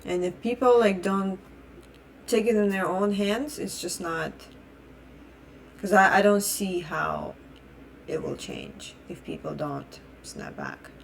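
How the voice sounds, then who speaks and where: With a sing-song lilt in her mid-range voice, a young adult vlogger from Russia takes her time ranting her opinions. A native Russian speaker, she is blunt and heated, swears heavily and keeps restarting her phrases; a little hiss or hum sits underneath.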